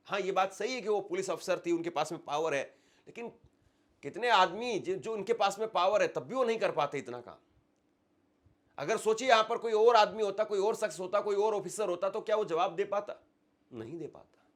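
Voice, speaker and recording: A man giving opinionated news commentary, emphatic and acting out quoted lines with heavy stress. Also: sits high. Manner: emphatic, acts out quoted slogans with strong stress.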